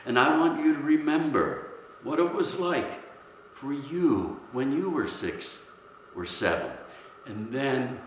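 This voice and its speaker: A tender, earnest Santa Claus voiced by a man speaks gently, often circling back over his words. His voice moves through a wide, expressive range. The recording rings with heavy room echo and has a muffled, lo-fi tone. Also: medium pitch, a little hiss or hum. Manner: soft-spoken, earnest, halting repetitions. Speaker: Santa performer. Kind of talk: heartfelt storytelling address. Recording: echoey room, dull lo-fi sound.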